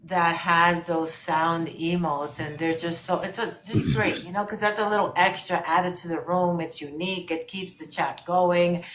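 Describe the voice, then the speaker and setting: A woman's voice: fairly low pitch, steady tone, normal speed, hardly any pauses, background noise. A woman hosting a casual interview, encouraging her guest and asking follow-up questions. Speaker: talk show host. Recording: echoey room.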